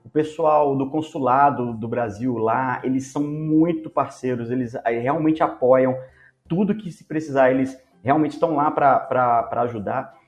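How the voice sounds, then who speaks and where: A man with a Brazilian Portuguese accent answering interview questions as a startup co-founder, often pausing and repeating words as he searches for the phrase. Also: medium pitch.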